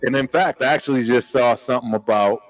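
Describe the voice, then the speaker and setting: A man's voice: mid-range voice, quick pace, soft background music, rough recording. A man chatting casually on a sports panel in slangy bro talk, often repeating himself for emphasis. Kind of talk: casual chat.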